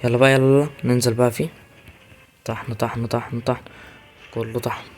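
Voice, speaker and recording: Young Egyptian man, rapid-fire gameplay commentary, excitable and chatty with viewers. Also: mid-range voice, slight background noise. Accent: Egyptian Arabic. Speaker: gaming YouTuber.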